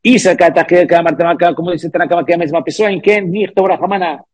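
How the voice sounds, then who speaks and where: Husky high-voiced man teaching Talmud. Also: fast, dry recording. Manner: reads Hebrew and Aramaic phrases, then explains them with repeated "¿cierto?". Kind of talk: Talmud class explaining a text line by line.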